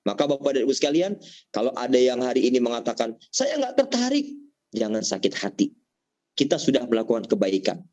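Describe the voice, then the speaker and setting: A man giving a motivational sales talk, acting out customer dialogues in higher voices and quoting Arabic verses. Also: fast talker. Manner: animated, jumps to higher pitch when acting out customers; quotes Quran verses in Arabic. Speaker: motivational speaker at a sales meeting. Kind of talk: preachy sales pep talk with acted-out dialogues.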